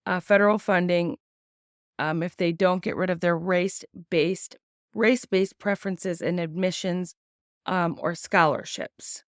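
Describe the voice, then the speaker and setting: An American woman hosts a podcast, offering casual, blunt takes on the news while swearing freely and saying "um" a lot. Her slightly raspy, lowish voice sounds sick and tired. The audio is studio quality with no echo.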